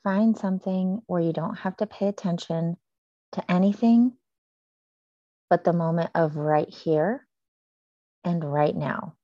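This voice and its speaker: Calm woman guiding a meditation. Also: fairly low pitch, dry recording, highs cut off. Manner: slow, soft and soothing with long pauses. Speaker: meditation guide. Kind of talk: guided breathing meditation.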